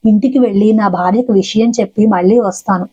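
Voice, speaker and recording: Woman reads reverent pleading devotee in a storybook tale, mellow and breathy. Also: medium pitch, a little fast, lo-fi sound, lightly acted. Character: pious male devotee, eager host.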